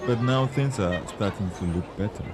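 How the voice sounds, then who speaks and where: Guy doing a smug flirty soap gentleman, deep voice, music going behind. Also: normal speed, natural voice. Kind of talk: dubbed telenovela acting.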